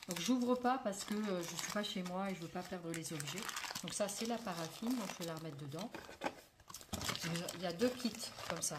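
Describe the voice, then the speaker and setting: A French woman casually showing craft supplies on a table, talking through each step with many fillers. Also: lowish voice. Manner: chatty, many fillers and "voilà", narrating her hands. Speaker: crafts vlogger. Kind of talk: casual show-and-tell unboxing. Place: indoors at a table, not her home. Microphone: phone camera. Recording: loud crinkling and clicking noise.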